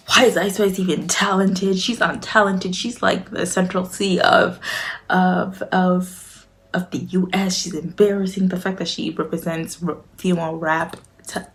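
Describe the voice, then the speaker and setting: A young woman hosting casual drama commentary, chatty, swearing freely and stacking filler words as she recaps. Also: lowish voice. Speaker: commentary host.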